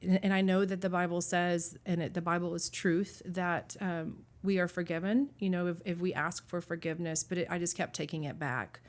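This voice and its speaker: A woman sharing her personal faith testimony as a guest, talking earnestly and haltingly, with many restarts and fillers. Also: on the low side, fairly even intonation. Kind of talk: candid faith interview.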